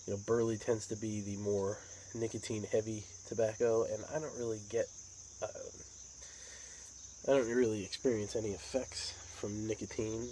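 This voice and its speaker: An American man talking in a casual, rambling monologue, unhurried and musing, like a hobby vlogger. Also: fairly low pitch, warm tone, rough recording. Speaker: pipe tobacco vlogger. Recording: outdoor insect and cricket noise.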